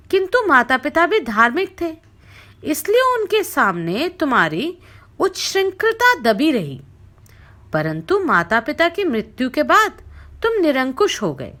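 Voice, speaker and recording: A woman reading a scripture story aloud as narrator, with expressive recitation that dips low when addressing the king.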